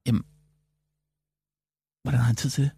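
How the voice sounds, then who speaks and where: A male radio host caught up in a comedy bit, answering with quick disbelieving questions. His voice sits at an ordinary middle pitch and sounds dry and close on a studio mic. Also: steady tone, gravelly, dark tone, husky, no room sound. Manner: incredulous, firing short questions. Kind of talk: comic radio chat.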